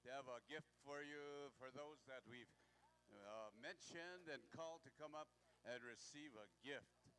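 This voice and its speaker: A man's voice: mid-range voice, unhurried, pushed and bright. A man working as a powwow emcee, announcing over a microphone outdoors and calling out rousingly to dancers. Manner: rousing, calls out to crowd.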